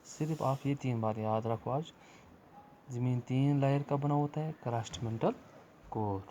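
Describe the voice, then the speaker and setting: A middle-aged man teaching children a lesson, repeating key words and coaxing his pupils, reading textbook lines slowly before explaining them. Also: mid-range voice, warm tone, a little hiss or hum. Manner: repetitive, coaxing, calls pupils "beta". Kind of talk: classroom lesson for children, Urdu mixed with English.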